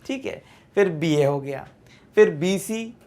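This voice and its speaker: Slow, patient Hindi-speaking woman teacher. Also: on the low side, animated, dark tone. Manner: reads English text slowly, then explains in Hindi with frequent "है ना" checks. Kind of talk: explaining a poem to students. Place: classroom-style video lesson.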